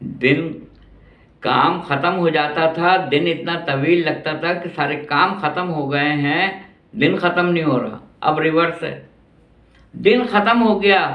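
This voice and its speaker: An older man from Pakistan, reminiscing in a slow monologue and repeating phrases for emphasis. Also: a little high, animated. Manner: slow, reflective, repeats phrases for emphasis, grows indignant about prices. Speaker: vlogger reminiscing about his city. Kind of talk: nostalgic monologue. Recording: roomy, dull lo-fi sound.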